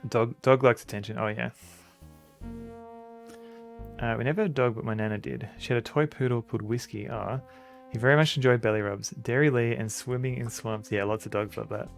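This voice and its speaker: A man's voice: medium pitch, fairly even intonation, brisk, vocal fry, soft background music. A man chatting casually on a live stream as he plays a retro adventure game, rambling in an easygoing way.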